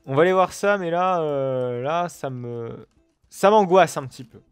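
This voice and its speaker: A man's voice: a little high, lively intonation, unhurried, clean tone, no echo, faint music behind. A man giving casual, chatty let's-play commentary at his computer. He swears often and keeps addressing viewers with fillers and asides. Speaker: gaming video creator. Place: at his computer while recording gameplay.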